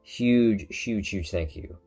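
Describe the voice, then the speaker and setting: A man with a very low voice hosts his own channel in a passionate solo commentary. He talks emphatically and preachily, firing off rhetorical questions at his viewers. Faint music plays quietly behind him. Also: slow. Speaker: channel host.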